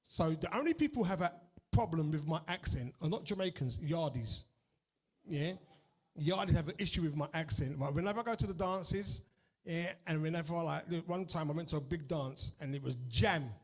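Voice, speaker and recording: In a comedy club before a live audience, a middle-aged stand-up comedian from East London, England, works through his set and banters with the crowd. His voice is a little high and brisk, and he swears freely, peppering his talk with "innit" and "right."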